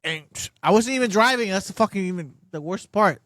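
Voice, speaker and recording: Twenties guy, podcast co-host, high voice, laughs easily, lively pitch. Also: a little fast, no echo, studio quality. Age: 20s. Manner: laughs often, short interjections. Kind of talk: casual chat.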